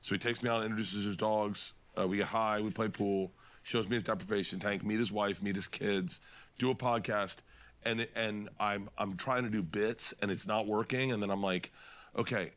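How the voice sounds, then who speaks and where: A comedian telling stories in casual podcast chat, rambling and animated, laughing and swearing as he goes. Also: fairly low pitch, moderate pace. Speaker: comedian guest.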